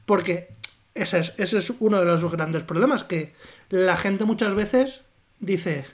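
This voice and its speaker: A man co-hosting a podcast, making his points casually and deliberately, with pauses and fillers. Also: high-pitched. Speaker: podcast co-host. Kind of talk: casual chat.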